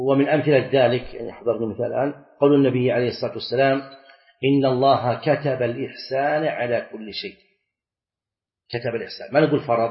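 A middle-aged man, teaching a class, reciting verses slowly and quizzing students with short questions. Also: medium pitch. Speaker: Islamic scholar teaching a class. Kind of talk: classroom lecture on Arabic grammar and scripture. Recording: echoey, dull lecture-hall recording.

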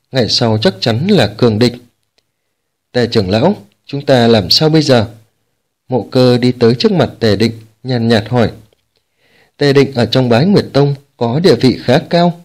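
Male audiobook narrator for a fantasy novel, steady and even-paced reading, rising briefly for shouted lines. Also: mid-range voice.

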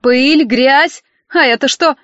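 A woman's voice: high-pitched, slow, dry recording. Woman voicing a spiteful, scolding female inspector. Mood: sneering. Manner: scolding, sneering, loud. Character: spiteful middle-aged female welfare inspector. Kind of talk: audiobook character reading. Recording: dry, dull lo-fi audio.

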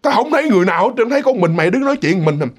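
A man's voice: sits high, very animated, breathy edge, exaggerated voice. A man doing a scolding, impatient aunt. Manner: scolding, blunt, rapid. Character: sharp-tongued older aunt, scolding and impatient.

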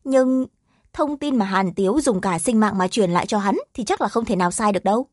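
Woman narrator for a fantasy audiobook; steady, mid-pitched, dry. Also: a little fast, no echo.

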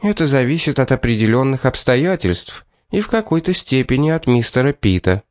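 A man voicing a composed, firm lady of the house who speaks in a measured way. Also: mid-range voice, sing-song, a little mellow, dry recording, clean studio sound, voice pushed up, close to an everyday voice. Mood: grave.

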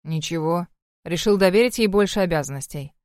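Женщина читает реплики сурового начальника, духа хаоса, ровным холодным тоном. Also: female voice, fairly low pitch, brisk, no echo, clean studio sound, natural voice. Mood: cold. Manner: flat, curt, commanding. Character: cold, stern male chaos spirit boss. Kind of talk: audiobook reading.

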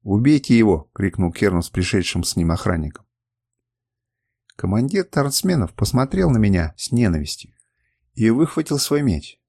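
A man reading a first-person adventure novel aloud, telling it in a dramatic, expressive way. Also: lowish voice, moderate pace, vocal fry, husky, no echo, clean studio sound. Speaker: audiobook narrator. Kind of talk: scripted first-person narration.

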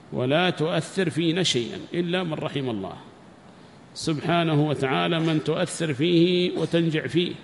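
A man's voice: a little high, creaky. A man giving a religious lesson, speaking emphatically with repeated phrases and rhetorical questions. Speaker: religious teacher. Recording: long reverb with faint background noise.

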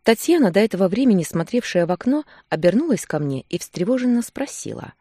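A woman narrating an audiobook in an expressive first-person voice. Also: medium pitch, a little fast, husky, dry recording, clean studio sound. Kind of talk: scripted narration.

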